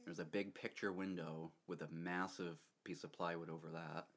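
A young man with a very low, deep voice tells a long rambling story in casual chat. He laughs often and keeps restarting his sentences as he goes. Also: flat delivery, normal speed, fairly bright tone. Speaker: storyteller co-host.

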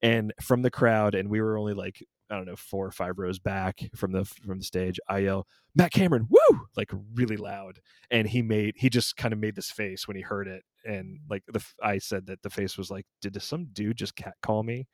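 A man's voice: on the low side, flat delivery, moderate pace, hardly any pauses, dry recording. A man in his forties co-hosting a podcast, chatting casually and rambling through stories with frequent self-corrections. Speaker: podcast co-host. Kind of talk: casual chat.

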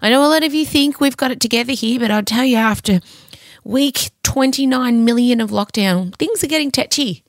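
A woman's voice: a little high, a little fast, no room sound, studio quality. A middle-aged woman hosting a podcast as a chatty, confessional monologue, theatrical and sweary, with self-mocking candour. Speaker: podcast host.

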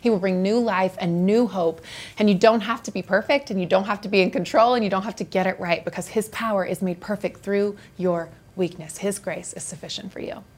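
Mid-pitched woman pastor speaking devotionally. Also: fairly quick. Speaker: pastor and studio guest. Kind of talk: devotional talk in conversation.

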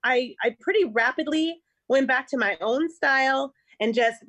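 A woman's voice: sits high, moderate pace, fairly bright tone. A woman hosting a casual conversation, upbeat and chatty, talking like a Valley girl. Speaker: podcast host, inspirational speaker.

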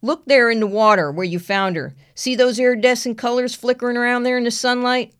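A woman voicing a big, burly, gruff male sheriff in his fifties with a blunt, swearing drawl. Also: a little high, steady tone, brisk, pitched above the performer's own voice, close to an everyday voice. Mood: instructive, blunt.

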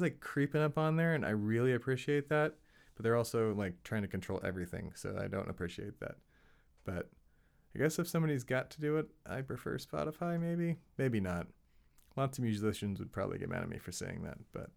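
A man with a gravelly, creaky edge to his voice talks loosely into the mic as a podcast host. He wanders from plug to plug with self-mocking asides and a relaxed, offhand delivery, his pitch sitting at an ordinary middle. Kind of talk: rambling solo podcast update.

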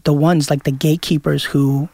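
A man's voice: a little high, flat delivery, normal speed, gravelly, warm tone, dry recording, clean studio sound. A man from Queens, a DJ guest talking loosely in an interview, full of fillers and restarts. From Queens, New York. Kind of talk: casual interview chat.

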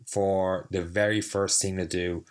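Male podcast host, very deep voice, sniffly cold, easygoing rambling chat, mic a bit distant. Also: flat delivery, measured pace, smooth. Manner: rambling, self-deprecating, easygoing. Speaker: fitness coach and podcast host. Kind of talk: casual solo podcast talk. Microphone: mic set a little further away than usual.

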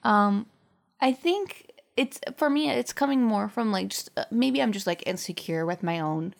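A young woman co-hosting a podcast, talking in a hesitant, halting way with many fillers and restarts. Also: mid-range voice, lively intonation, creaky. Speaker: podcast co-host. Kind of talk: casual intimate conversation.

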